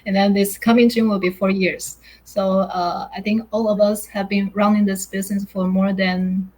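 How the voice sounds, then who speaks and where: A woman's voice: mid-range voice, level tone, moderate pace, a little mellow, low-quality recording. A middle-aged woman from Taiwan, hosting a live online chat over a video call in a chatty, hesitant way, full of "uh" and "you know". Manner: chatty, hesitant, with many fillers. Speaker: host.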